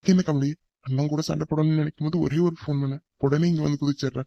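Man voicing a stern cartoon elder brother, dark mellow voice, rushed delivery, dull dry recording. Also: fairly high pitch, fairly even intonation, vocal fry, dry recording. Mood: scolding. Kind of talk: cartoon family drama voice acting.

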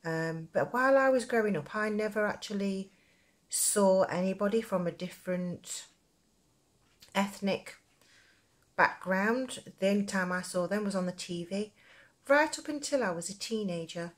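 A woman's voice: mid-range voice, normal speed. A woman with a Nottingham accent, giving a casual, rambling craft tutorial in a chatty, informal way. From Nottingham, England. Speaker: crochet tutorial presenter.

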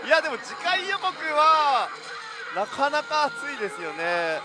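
A man giving excitable live play-by-play commentary on a pachinko game, speaking into a headset mic. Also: very high voice, a little slow, crowd noise. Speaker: pachinko show host. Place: busy pachinko hall, indoors. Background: loud game-machine music.

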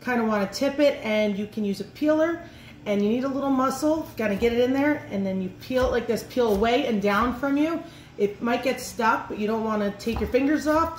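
Her voice fairly high, a thirtysomething chef chats cheerfully through a cooking demonstration at home, dropping plenty of fillers. The front-facing camera sits at mid-distance, capturing kitchen echo, music and slight background noise.

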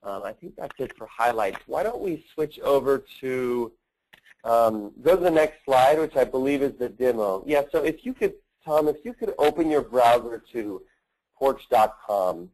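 On a conference call, a company representative walks through a product, his average-pitched voice darkish in tone yet lively in intonation. He often pauses partway through a phrase, and the audio is poor.

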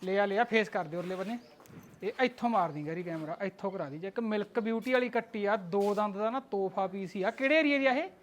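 Brisk man selling buffaloes. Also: sits high, slight background noise. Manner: brisk salesman patter, calling out directions. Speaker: livestock dealer vlogger. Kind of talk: on-farm livestock showcase. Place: outdoors at a dairy farm.

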